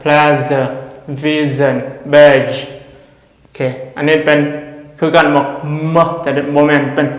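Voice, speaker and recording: A man's voice: a little high, level tone, extremely slow. A man with a Lao accent teaching English pronunciation, repeating each drill word carefully. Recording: echoey room with long reverb.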